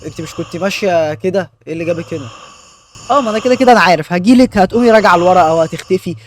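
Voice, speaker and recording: A young Egyptian man rattles through a horror game at a rapid clip, his voice sitting high for a man. He cracks jokes, mutters to himself, then bursts into panicked shouts. The recording carries clear background noise. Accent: Egyptian Arabic. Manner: jumpy, jokey running commentary, swings between muttering and yelling. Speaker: gaming YouTuber. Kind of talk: horror game let's-play commentary.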